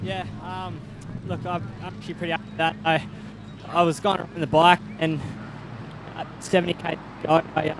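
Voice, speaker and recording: A man, worn out after a race, answering an interview in a halting, hesitant way. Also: fairly high pitch, flat delivery. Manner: halting, hesitant, repeats words. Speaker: athlete being interviewed. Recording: noisy outdoor background.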